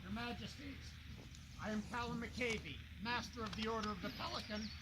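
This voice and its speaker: A man delivering a formal, declamatory ceremonial speech with measured pauses, as a master of an order. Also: high voice. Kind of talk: formal ceremonial speech in a historical reenactment society. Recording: noisy outdoor event recording.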